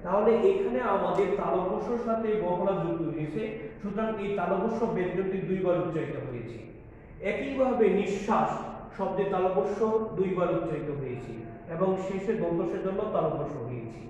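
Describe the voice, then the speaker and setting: A high-pitched man explains a language lesson to his students, patiently going over each point more than once. The recording is dull and lo-fi, with a faint hum in the background. His voice rings through a very echoey room with a long, trailing reverb. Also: expressive, a little fast, a little mellow. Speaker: college Bengali teacher. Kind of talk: recorded classroom lecture.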